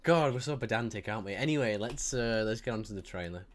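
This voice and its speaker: A man hosting a casual podcast chat, talking in a loose and rambling way. His voice sits a little on the low side and he drifts from one thought to the next. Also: animated, fast. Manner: rambling, chatty. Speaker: co-host.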